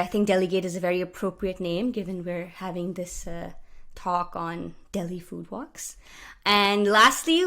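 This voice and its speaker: A woman's voice: medium pitch, bright, forceful tone. A young woman from Pakistan giving a friendly, explanatory talk over slides, with many "uh" and "um" fillers, recorded at home on a studio mic. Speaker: guest speaker. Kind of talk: presentation narrated over slides. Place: small indoor room at home. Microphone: studio mic on stand with pop filter.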